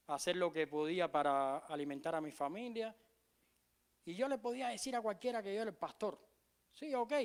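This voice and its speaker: A middle-aged man from Cuba with a Cuban Spanish accent, preaching a sermon as pastor, emphatic and repeating key phrases, sometimes dropping to soft low asides.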